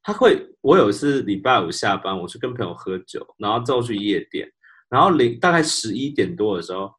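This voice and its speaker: A man with a somewhat low voice tells work stories in a relaxed podcast chat. He is animated and laughs often as he goes. He slips English words in mid-sentence. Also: a little fast. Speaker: podcast co-host. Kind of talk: casual storytelling chat.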